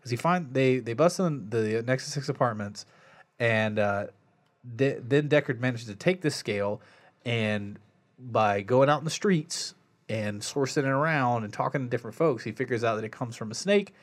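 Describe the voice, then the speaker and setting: Male podcaster, loose rambling plot recap, even middle pitch. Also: moderate pace. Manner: rambling recap with filler words. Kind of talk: casual movie discussion.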